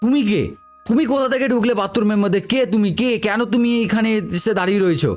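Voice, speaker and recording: A panicked young man cries out in a high, lively voice, frantic and pleading. He sounds haunted and desperate, as a male storyteller acts him out in a spoken ghost story. Faint music sits behind him. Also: fast.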